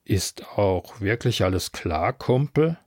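A man's voice: lowish voice, lively intonation, slow pace, darkish tone, slightly rough, no room sound, clean studio sound, voice pushed down, full character voice. A man doing a laid-back joker buddy. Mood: chummy. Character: joking young male meteorologist, casual buddy.

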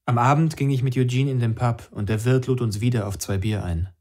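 A man narrates a first-person audiobook at an ordinary middle pitch. His reading is calm and even, with a steady storytelling flow. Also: brisk.

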